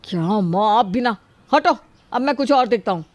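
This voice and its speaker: A woman voicing a short-tempered young husband in a cartoon, shouting with irritation. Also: fairly high pitch, lively intonation, normal speed, dry recording, faint music behind, natural voice. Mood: angry. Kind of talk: cartoon voice acting.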